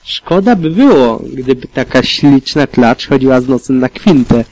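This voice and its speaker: A man reading an audiobook, voicing a friendly, teasing male pegasus stallion in a warm tone. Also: medium pitch, lively intonation, moderate pace, close to an everyday voice. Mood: charming. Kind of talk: audiobook reading of fan fiction.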